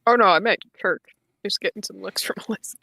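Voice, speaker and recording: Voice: medium pitch, fast, gravelly, bright, forceful tone, no echo. A player narrating their character in an online tabletop role-playing game, with casual narration broken up by laughter.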